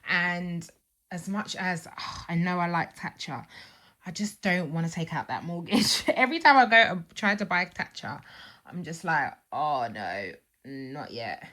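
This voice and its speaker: A woman's voice: lowish voice, moderate pace, sharp tone, no room sound. A woman in her thirties chatting candidly and upbeat in a casual vlog. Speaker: vlogger. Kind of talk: casual vlog chat to camera. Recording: noisy background.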